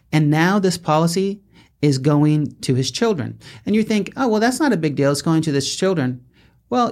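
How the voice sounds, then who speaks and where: This attorney hosts a podcast where he talks casually about legal pitfalls, staying lively and chuckling easily. His voice sits fairly high.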